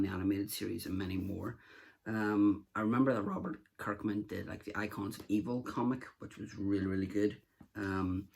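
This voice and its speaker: Rambling man with a gravelly low voice. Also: slight background noise. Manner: rambling, with many fillers and restarts. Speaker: collector video host. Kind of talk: casual show-and-tell vlog.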